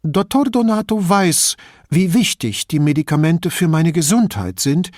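A man voicing a frail, chatty old widow who rambles and confides in a hushed tone. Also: lively intonation, a little slow, no echo, clean studio sound. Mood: confiding. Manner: rambling, confidential, lowers voice to a whisper.

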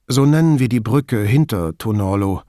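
A man reading an audiobook, voicing a calm, polite middle-aged male police commissioner in a measured way. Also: on the low side, dry recording, clean studio sound, close to an everyday voice. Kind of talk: audiobook dialogue.

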